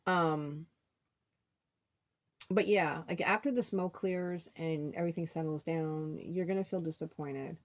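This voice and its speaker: A middle-aged woman vlogger tells a personal story in a rambling monologue, repeating words and acting out what her friends said. Her voice is low and she speaks a little slowly.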